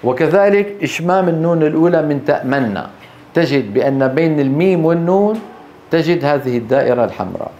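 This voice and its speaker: A man's voice: fairly high pitch, darkish tone, dull audio, a little hiss or hum. Teacher explaining to his class. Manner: explains step by step, quizzing students with quick questions. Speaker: Quran recitation teacher. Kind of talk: classroom lecture on tajweed.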